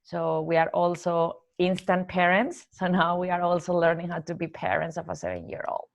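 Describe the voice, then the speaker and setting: A woman from Colombia speaks English with a Colombian accent and a low, gravelly voice. She answers interview questions earnestly, laying out her ideas step by step. The audio is dry and somewhat dull and lo-fi. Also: little pitch movement, dry recording. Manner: earnest, listing ideas in measured steps. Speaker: guest, corporate trainer and coach.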